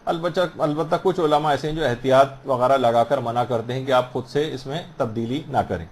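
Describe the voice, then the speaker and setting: A man teaching the rules of prayer in a patient, explanatory way, repeating phrases and slowing down to model the correct pronunciation. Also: medium pitch, a little mellow, a little hiss or hum. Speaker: religious teacher. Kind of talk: instructional talk on prayer rules.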